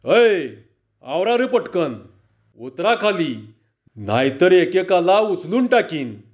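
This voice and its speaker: A stern bandit chief snaps out threats in a hard, commanding voice, done by a male storyteller. The recording is muffled and lo-fi, and the voice sits fairly high. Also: very animated, slow, full character voice. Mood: threatening. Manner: harsh, threatening. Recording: dull lo-fi recording.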